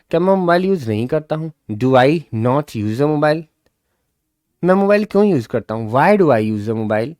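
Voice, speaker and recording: Man, grammar teacher, slightly high voice, dry close sound, keeps checking understanding, repeats examples slowly. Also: dry recording. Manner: checks understanding often, calls listeners child. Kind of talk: explanatory lesson.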